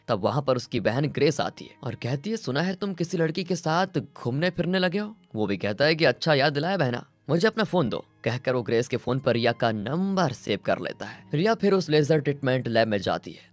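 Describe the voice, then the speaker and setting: A man narrating a film's plot as a storyteller, acting out characters' quoted lines. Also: medium pitch. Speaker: movie recap narrator. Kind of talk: storytelling movie recap.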